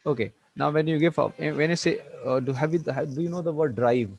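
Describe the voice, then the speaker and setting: Guy teaching grammar over a video call, dark husky voice, lots of uhs and restarts. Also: a little high, lo-fi sound. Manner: halting, many fillers and restarts, spells words out letter by letter. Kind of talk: online English grammar lecture.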